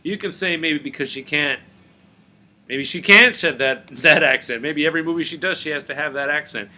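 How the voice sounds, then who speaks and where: A young man rambling in a casual, profane video rant, veering between low mutters and loud outbursts. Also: normal speed. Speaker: video blogger.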